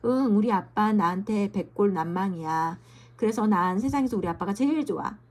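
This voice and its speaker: A woman voicing an eager little schoolgirl who adores her dad, reading a children's storybook in an excitable, pleading way. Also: mid-range voice, moderate pace, lightly acted. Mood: chatty.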